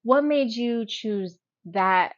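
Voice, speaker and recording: A woman hosting a casual podcast interview, asking follow-up questions and encouraging her guest with soft agreement. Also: on the high side, slow, muffled recording. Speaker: podcast host.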